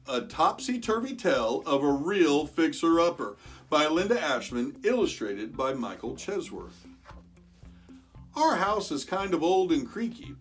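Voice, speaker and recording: In a lively read-aloud of rhyming verse, a storyteller with a medium-pitched voice shares a picture book with children. Words get drawn out for emphasis, and the reader chats with the young audience along the way.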